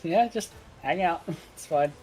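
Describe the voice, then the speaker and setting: A man's voice: on the high side, expressive, measured pace, warm tone, a little hiss or hum. A man giving casual co-commentary while playing a video game.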